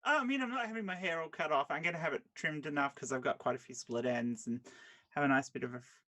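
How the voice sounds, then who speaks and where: A woman's voice: deep voice, fast, fairly bright tone, dry recording. Laughing Aussie woman on a stream. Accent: Australian. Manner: laughs often, blunt and swearing. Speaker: stream co-host. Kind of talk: casual chat on a livestream.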